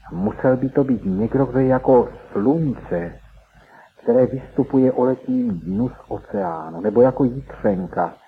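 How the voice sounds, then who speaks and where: A man's voice: fairly low pitch, a little hiss or hum. A man reading a first-person story aloud in an earnest, dramatic storytelling manner, heard on a tinny lo-fi recording. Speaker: narrator. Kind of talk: first-person audiobook narration.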